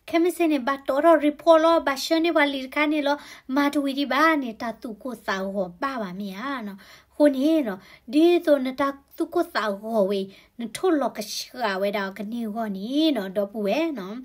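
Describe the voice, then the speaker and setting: A woman's voice: sits high, animated, brisk. A woman explaining health topics in a conversational way, often adding tag particles to her sentences. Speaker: health educator.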